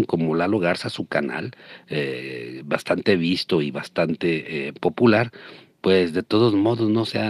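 A man's voice: low voice, dry recording. A man hosting his channel, delivering a crude, combative rant of commentary. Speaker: channel host. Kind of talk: ranting commentary.

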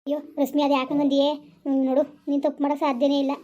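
A woman's voice: high voice, monotone, rapid-fire, dark tone, dull audio, lightly acted. A woman playing a remorseful young village mother who keeps pleading and blaming herself. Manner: pleading, self-reproaching. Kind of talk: village family skit acting.

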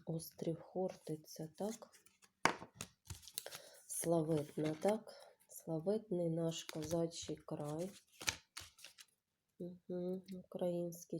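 A woman with a low, deeply mellow voice talks slowly and thoughtfully, often sinking into a near-whisper as she reads. Her casual review is unhurried and murmured. A faint hiss sits under the recording. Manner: slow, musing, often drops to a whisper while reading cards. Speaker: tarot channel host. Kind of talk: casual card deck review.

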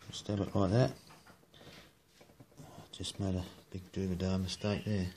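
In a casual how-to video shot in his home kitchen, an Australian hobbyist rod builder rambles, jokes, and swears freely as he shows his work. His low voice is mellow, with a flat delivery at a moderate pace and slight background noise.

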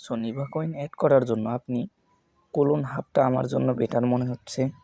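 Male tutorial host, raspy and a little gravelly, dry close sound, slow casual step-by-step delivery. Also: mid-range voice, steady tone, dark tone, no echo. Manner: slow step-by-step instructions with fillers. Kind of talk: screen-recorded tech tutorial.

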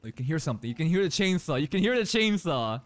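Excitable young man reacting to anime. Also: fast talker. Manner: excitable, slangy, swings between loud outbursts and low muttered asides. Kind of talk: casual reaction commentary. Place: small bright indoor room. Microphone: large studio mic on a boom arm.

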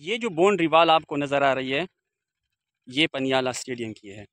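A man in his forties narrates a village vlog into the phone camera he holds while walking through open riverbed countryside, giving walking-tour commentary. His voice is medium-pitched, animated and a bit bright, at a moderate pace with no echo. He speaks formally and devoutly, weaving in Arabic blessings.

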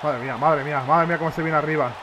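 A man with a Spain Spanish accent giving excitable live commentary over a wrestling video game, reacting with shouts. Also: a little high, rapid-fire. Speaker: gamer. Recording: loud game crowd and noise behind. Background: wrestling game crowd noise.

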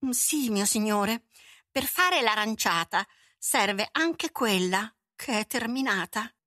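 A timid storybook servant mumbles and stammers his bad news, hesitant and unsure, as a woman reading the tale puts him on. The voice is bright with a lively lilt. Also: lowish voice, dry recording, clean studio sound. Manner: mumbling, hesitant, full of ehm. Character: timid, bumbling male servant. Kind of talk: storybook read-aloud.

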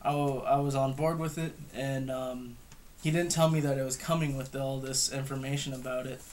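Recorded by a camera sitting across a table in a room at home, this young adult man reviews gear casually and without a script. His medium-pitched voice keeps a fairly even intonation at a normal speed, and he comes across as hesitant and matter-of-fact. There's noticeable noise and clicking throughout the indoor recording.

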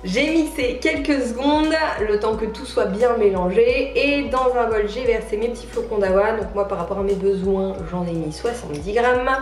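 A woman's voice: fairly high pitch, normal speed, hardly any pauses, darkish tone. A woman in her thirties chatting casually to camera in a home vlog, laughing at her own flubbed intros and walking through a recipe. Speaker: vlogger. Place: small home kitchen and living room, indoors. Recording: roomy echo with light music behind.

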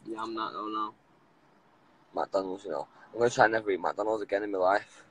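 A man's voice: lowish voice, a little fast, slight background noise, rough recording. A young man hosting a live stream from his phone inside a car, chatting loosely with slangy jokes. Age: young adult. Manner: loose, joking slang banter. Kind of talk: casual live-stream chat. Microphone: phone at arm's length.

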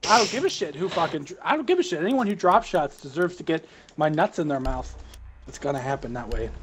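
A man streaming a shooter game, excitable and swearing constantly in casual chat with friends. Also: on the high side, brisk, a little hiss or hum.

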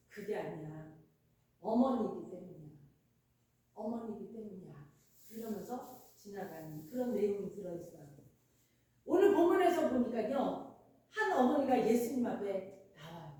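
A woman pastor preaching a sermon, telling the story in an expressive way and acting out the people in it. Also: medium pitch. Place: church sanctuary. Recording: roomy church hall, mic held at a distance.

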